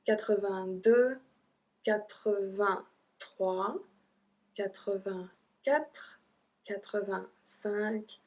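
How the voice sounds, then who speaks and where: A young woman from French-speaking Europe, with a mid-range voice and a French accent, teaches an online language lesson. She drills number words slowly, dropping in chatty asides along the way.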